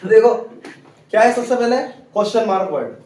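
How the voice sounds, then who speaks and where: A man's voice: sits high, fairly quick, a little mellow. A male English grammar teacher quizzing his class and repeating their answers back. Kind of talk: classroom teaching in call-and-response. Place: classroom with students. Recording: echoey classroom from far off.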